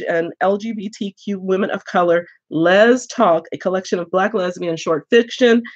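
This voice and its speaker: A woman's voice: mid-range voice, lo-fi sound. An older woman hosting a casual book live stream with a head cold, chatty and laughing often as she greets viewers. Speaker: booktube host.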